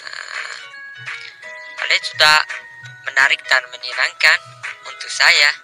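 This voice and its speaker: A man giving unscripted remarks to camera, very halting as he searches for words. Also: fairly high pitch, fairly even intonation, pushed and bright, soft background music, poor audio.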